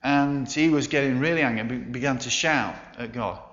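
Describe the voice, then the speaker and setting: A man preaching a sermon, telling a story with emphatic pauses and soft endings. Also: mid-range voice. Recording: roomy, slightly dull sound.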